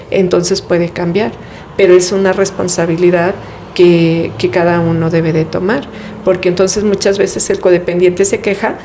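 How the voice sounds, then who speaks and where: Mellow, low-voiced woman explaining. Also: slight background noise. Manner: reflective and explanatory, uses rhetorical questions. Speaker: guest speaking on family therapy. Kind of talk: conversational interview.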